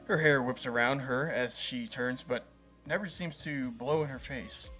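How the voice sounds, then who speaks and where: A man's voice: mid-range voice, a little slow, pushed and bright, soft background music. A man reading a visual novel game aloud as a gaming host, playful and chuckling at the story.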